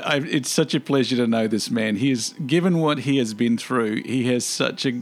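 A man's voice: medium pitch, normal speed. A man hosting an interview, affirming and admiring toward his guest. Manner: warm, admiring, affirming listener. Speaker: podcast host, interviewer. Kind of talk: interview conversation.

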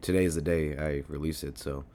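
A young man with a deep, hoarse, mellow voice hosts a casual solo podcast while sick and congested. His tone stays steady and he talks a little fast, rambling with plenty of fillers and swearing into a desk mic by his computer at home.

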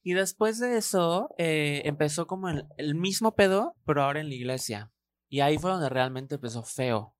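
A young woman with a Mexican accent, co-hosting a casual podcast chat and telling a lively story full of playful slang. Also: a bass voice. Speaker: podcast co-host.

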